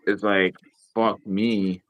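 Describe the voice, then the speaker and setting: A man's voice: fairly low pitch, flat delivery, slow pace, a bit bright. A man live streaming in casual chat, rambling and swearing freely with lots of filler phrases.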